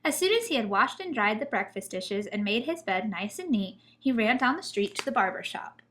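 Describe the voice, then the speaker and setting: A woman narrates a children's story in a fairly high voice. She reads expressively, as a storyteller would. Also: big pitch swings, a little fast, fairly bright tone. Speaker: picture book reader. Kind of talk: children's story read aloud.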